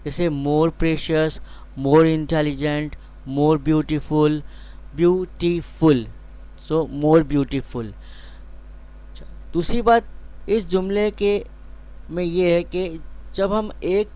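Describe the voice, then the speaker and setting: A male teacher giving a grammar lecture. He speaks slowly and deliberately and stretches out each example word. His voice is smooth and clear and sits a little high. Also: a little mellow. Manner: slow, deliberate explanation, drawing out example words.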